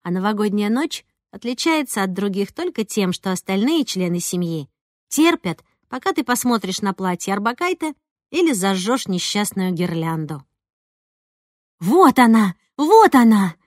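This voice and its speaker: A woman's voice: medium pitch, sing-song, moderate pace, no echo. Dry-voiced woman reading an audiobook. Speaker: audiobook reader. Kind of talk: first-person audiobook narration.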